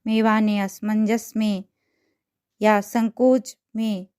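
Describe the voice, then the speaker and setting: A woman reading a short story aloud as a storyteller, in a measured, expressive narration. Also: mid-range voice, clear, resonant tone.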